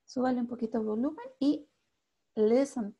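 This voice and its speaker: Chilean lady teacher on a video call, high husky voice, keeps checking in, mixes english in. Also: moderate pace, mellow. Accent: Chilean Spanish. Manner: patient, checks in constantly, mixes English into Spanish. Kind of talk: online class teaching.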